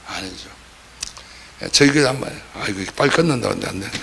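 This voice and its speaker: Man, pastor, gravelly voice, mid pitch, colloquial sermon, acts out quotes, faint hiss. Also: expressive, fairly quick, a bit bright. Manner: colloquial preaching with acted-out quotes.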